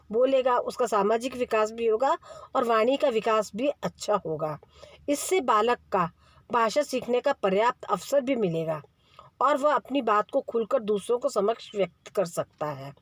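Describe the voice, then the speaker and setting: A middle-aged woman gives an earnest, explanatory lecture in a fairly high voice, now and then slipping into the words a parent might say. Her voice sits close and dry, with no room sound around it. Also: dry recording. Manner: earnest, acts out parents' lines. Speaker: home science lecturer.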